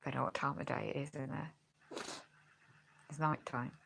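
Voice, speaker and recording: Filmed at home on a phone a friend is holding, a congested woman who's losing her voice rambles casually for her vlog, sighing and tacking on tag questions. Her bass voice is level, moderately paced and creaky yet fairly bright. The low-quality audio has slight background noise.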